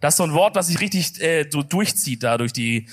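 A man's voice: a little high, animated, fairly quick. A young man with a Swabian accent, co-hosting a live comedy podcast on stage with joking, slangy banter. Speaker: podcast co-host. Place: stage before a live audience.

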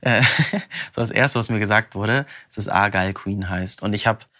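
Guy chatting away in an interview, low-ish voice but bright and punchy, animated. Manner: animated and chatty, quick bursts, frequent laughs. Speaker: voice actor interviewed about his audiobook. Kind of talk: casual interview answers.

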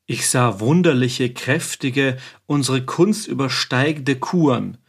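A man's voice: medium pitch, takes it slowly, creaky, breathy edge, heavily acted. A man voicing a physician giving earnest, awed testimony about what he witnessed.

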